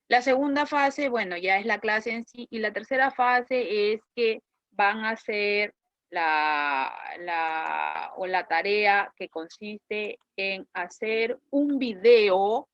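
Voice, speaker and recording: Peruvian woman teacher, clear and close. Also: medium pitch, takes it slowly, a bit bright, no room sound, dull audio. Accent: Peruvian Spanish. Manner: explanatory, asks students questions and checks with "¿correcto?". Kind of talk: online class lecture.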